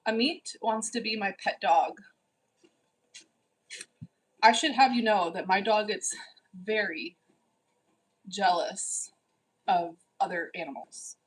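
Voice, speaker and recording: Forties woman live chatting with viewers, husky voice, teasing and bossy. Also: mid-range voice, slow pace, long pauses, poor audio. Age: 40s. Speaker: livestream host. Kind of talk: casual live chat reading.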